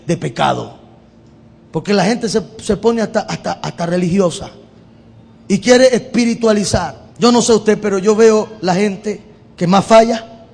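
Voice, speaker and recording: A man's voice: sits high, creaky, darkish tone. A male pastor, giving a sermon in a conversational style that repeats words. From Venezuela. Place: church. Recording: long hall reverb in church.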